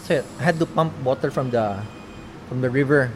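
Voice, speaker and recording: A man's voice: mid-range voice, moderate pace, darkish tone, slight background noise, poor audio. A Filipino man, a pig farmer, answering interview questions casually and chatting with frequent tag questions. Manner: chatty, with frequent "no?" tags and laughs. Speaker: pig farmer, cooperative president.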